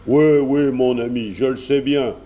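A man voicing a kindly, fatherly gentleman in a storybook reading, speaking gently and encouragingly. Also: medium pitch, steady tone, unhurried, muffled recording, natural voice.

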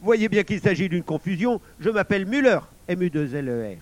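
An obsequious grown-up thief, smarmy and falsely calm, as a male reader voices him. His lively, raised tone protests innocence in a storybook reading. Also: high voice, brisk, voice pushed up. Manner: obsequious, feigned indifference. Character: smooth, lying adult male thief.

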